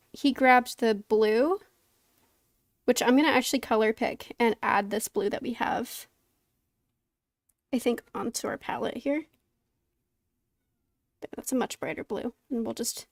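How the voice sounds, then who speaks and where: Female art streamer, casual, mildly flustered, gravelly fry, close dry sound. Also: on the high side, fairly bright tone, no room sound. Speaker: streamer painting along to a tutorial. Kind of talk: casual live-stream chat, thinking aloud.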